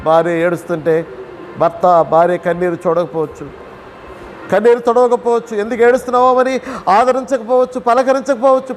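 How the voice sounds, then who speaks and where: High-voiced pastor pleading in a sermon. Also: male voice, a little hiss or hum. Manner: strings of repeated rhetorical questions, pleading and consoling. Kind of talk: Sunday sermon with sung refrains.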